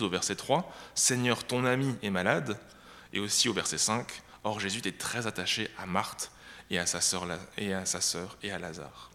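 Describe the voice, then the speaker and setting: A man reading a Bible passage aloud, then explaining it in a conversational sermon that pauses to search for words. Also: lowish voice, bright, forceful tone, big-room sound. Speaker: preacher.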